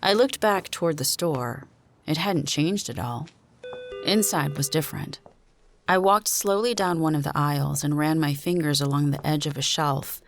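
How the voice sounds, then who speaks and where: This is a dramatic first-person reading of a suspense tale, told by a woman with a low voice who speaks at a normal speed as the storyteller.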